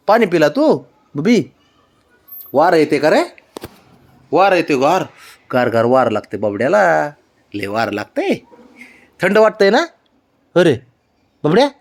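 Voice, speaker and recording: A man at home talking fondly to his pet cat, teasing it with coaxing questions. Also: high-pitched. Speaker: cat owner. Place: home, indoors.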